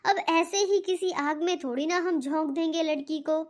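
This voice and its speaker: A woman's voice: very high-pitched, moderate pace, a little mellow. A woman voicing a strict, stubborn middle-aged father in a cartoon. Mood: insistent. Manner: stern, stubborn, lecturing. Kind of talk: cartoon voice acting.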